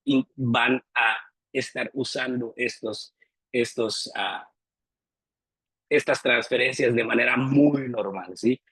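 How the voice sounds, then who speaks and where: A man's voice: medium pitch, takes it slowly, fairly bright tone, breathy edge, no echo, rough recording. A man giving an academic lecture, hesitant, repeating words and often checking in with his listeners.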